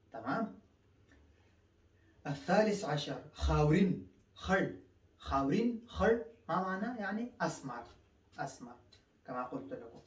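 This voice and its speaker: A Pashto-speaking man from Afghanistan teaches a casual language lesson, his fairly high voice distant from the mic and the room echoey. He takes his time explaining, repeating himself and stretching out fillers.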